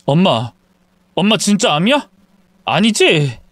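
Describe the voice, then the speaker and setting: Man doing a crying teen son, high, urgent, pleading, clean dry read. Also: sing-song, measured pace, fairly bright tone, no room sound, exaggerated voice. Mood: tearful pleading. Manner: high, urgent, sobbing pleas. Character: teenage boy, remorseful, tearful and pleading.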